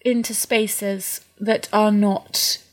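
A woman's voice: medium pitch, flat delivery, extremely slow. An English woman co-hosting a casual chat podcast, making dry, wry remarks. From England. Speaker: podcast co-host.

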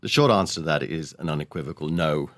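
A man's voice: rumbling low, quick pace, dry recording. A man giving emphatic, opinionated commentary as a columnist guest in an interview. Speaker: economics columnist, podcast guest.

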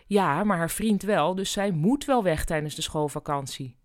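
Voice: medium pitch, moderate pace, no room sound, studio quality, lightly acted. Narrator doing a breezy, bossy female manager. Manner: cheerful, patronizing.

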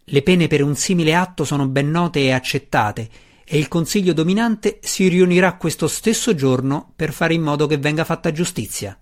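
An ancient, withered matron mother who rules the room with a few curt words, read by a man. Calm and commanding, she speaks as the final authority in an audiobook fantasy. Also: a little high, moderate pace, lightly acted. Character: old withered powerful dark elf matron mother. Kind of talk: audiobook reading.

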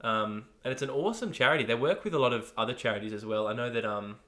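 A young Australian man in his twenties hosting a casual podcast, talking loudly and energetically and laughing often. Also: mid-range voice, fast talker. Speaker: podcast host.

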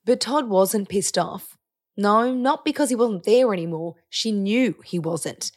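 A woman giving scripted narration between interview clips in a measured storytelling manner. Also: mid-range voice.

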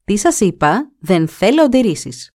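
A woman's voice: medium pitch, very animated, dark tone, no room sound, studio quality. A woman reading a folk tale aloud and voicing a bold, stubborn young man who gives curt, insistent commands. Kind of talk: storybook reading.

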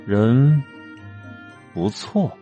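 A woman's voice: very deep voice, sing-song, dull audio, voice pushed down, exaggerated voice. A woman doing a cold, brooding masked nobleman. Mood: suspicious. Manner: slow, quiet, menacing drawl. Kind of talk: audiobook character voice. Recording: faint music behind.

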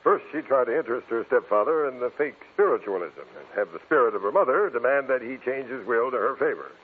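A police commissioner, brisk and matter-of-fact, slightly husky, tinny old radio. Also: male voice, medium pitch, animated. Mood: explaining. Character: middle-aged police commissioner, brisk and explaining. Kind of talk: 1940s radio acting.

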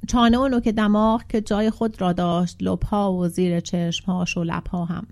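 A woman reads a literary short story aloud in a steady, even storytelling voice. She voices the quoted characters with a light shift in tone, while her pitch stays in an ordinary middle range for a woman. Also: vocal fry. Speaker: narrator reading a short story. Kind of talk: audiobook narration with voiced dialogue.

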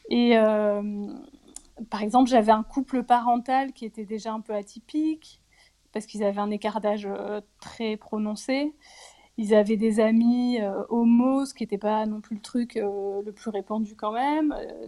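Speaking candidly about her private life during an interview, this woman in her forties comes across as thoughtful and unsure, frequently stalling on filler words. Her pitch is a little high, and her tone is mellow.

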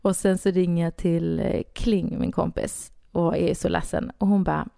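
Gravelly low-voiced woman storyteller. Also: dry recording, studio quality. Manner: animated, many fillers and restarts. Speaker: guest author. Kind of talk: casual personal storytelling. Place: Stockholm studio.

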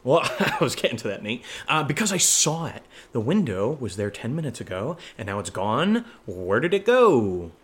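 In a horror audio drama, a man plays a nervous, sarcastic young man who speaks in halting, rambling bursts with sardonic asides, flustered throughout. His mid-range voice is sing-song and a bit bright.

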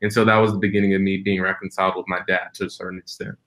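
Earnest low-voiced young preacher. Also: male voice, level tone, rapid-fire, fairly bright tone. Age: 20s. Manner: earnest and reflective, with frequent restarts. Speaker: podcast guest, preacher. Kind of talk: personal storytelling in a podcast interview.

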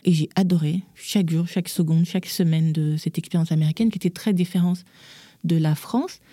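The voice of a woman in her thirties, fairly low and mellow, recounting her own path as an interview guest. She tells it with energy and slips into other people's voices when she quotes them. The sound is dry, with no room echo. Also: brisk. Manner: lively, acts out quotes in changed voices. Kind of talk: personal storytelling in conversation.

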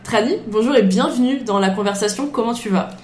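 A woman's voice: fairly high pitch, brisk. A young adult woman hosting a podcast, telling a personal story in a chatty, informal way. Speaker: podcast host. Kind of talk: casual podcast monologue and interview. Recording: echoey room, faint noise.

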